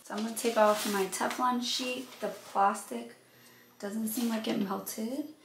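A woman hosting a craft video, explaining each step in a relaxed, thinking-aloud way and a bit out of breath. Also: a little high, a little slow, background noise. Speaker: crafting channel host. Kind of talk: casual how-to narration.

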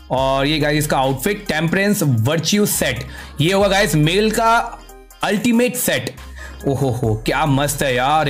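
Higher-pitched excitable man over music. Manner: excitable, repeats slangy exclamations. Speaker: gaming content creator. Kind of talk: casual game skin showcase commentary.

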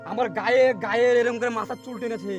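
Frightened high-voiced man. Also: steady tone, brisk, dull audio, over music. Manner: fearful, tells of a scary sighting.

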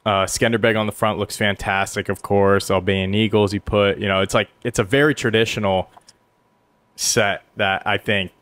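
A man's voice: lowish voice, flat delivery, moderate pace, fairly bright tone, no echo. A young man co-hosting a podcast in casual, enthusiastic and rambling chat, at a studio mic. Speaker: podcast co-host. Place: small studio. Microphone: headset and studio mic.

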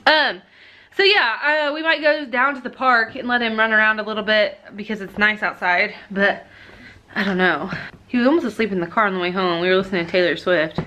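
A young woman vlogs casually, first at home and then by car at a park, chatting to her viewers a little fast in a sharp tone. For her baby she switches to a high sing-song voice.

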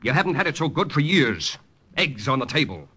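In an old 1940s-50s radio drama recording with music behind it, a male actor gives an animated performance and first-person narration as a cool, calculating OSS secret agent posing as a Nazi collaborator. His voice is a little high and fairly quick, with a hard, persuasive mood.

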